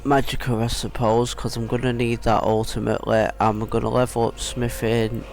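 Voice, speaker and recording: Chatty, slightly creaky male gamer. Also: mid-range voice, flat delivery, normal speed, a little mellow. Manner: chatty, mutters to himself and the game characters. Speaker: video game streamer. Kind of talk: casual gameplay commentary. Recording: game music behind the voice. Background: video game music and dialogue.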